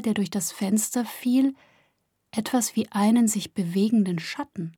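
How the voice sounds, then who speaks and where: A woman narrating a story aloud in a calm, measured way. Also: mid-range voice, slightly rough, dry recording, clean studio sound. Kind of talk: scripted audiobook narration.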